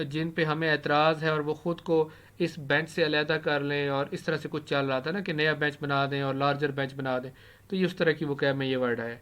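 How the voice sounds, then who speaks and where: A man's voice: fairly high pitch, a bit bright, clean tone. Man teaching with keyboard clicks. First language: Urdu. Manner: repeats key words slowly while typing them. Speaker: English vocabulary teacher. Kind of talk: recorded lesson, typing while explaining.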